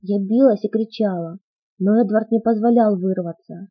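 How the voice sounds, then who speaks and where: A woman's voice: mid-range voice, normal speed, husky, no echo, dull audio. A woman narrating an audiobook in a dramatic first-person storytelling manner.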